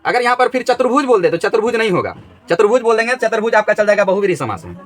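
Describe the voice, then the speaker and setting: A man's voice: sits high, very animated, very fast. A man teaching a grammar lesson in a classroom, repeating each question so the students answer together.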